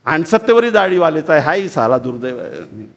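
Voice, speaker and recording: A man giving an animated public speech to a crowd of friends, weaving in stories. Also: fairly high pitch, fairly quick, lo-fi sound. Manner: animated, addresses audience as friends. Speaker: public speaker.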